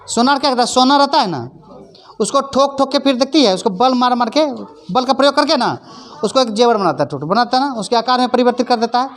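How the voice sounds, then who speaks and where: Woman teacher explaining, high voice. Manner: explains in plain repetitive phrases, checks understanding often; leads call-and-response recitation. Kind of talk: classroom lesson. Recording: faint background noise.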